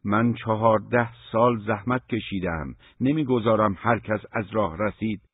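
Man playing a touchy resentful brother, indignant, low husky voice, dry. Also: no echo. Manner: indignant, defensive. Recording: thin phone-like dry recording.

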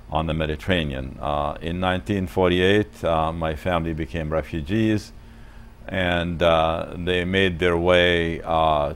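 A man in his sixties from Palestine, a guest in a studio interview, speaking in a measured way with many hesitations on a lapel mic. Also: extremely low pitch, slight background noise. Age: 60s.

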